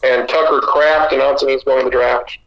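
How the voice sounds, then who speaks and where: A man's voice: mid-range voice, steady tone, normal speed, a bit bright, rough recording. A man co-hosting a sports podcast, giving opinionated takes in long runs of casual chat. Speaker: podcast co-host.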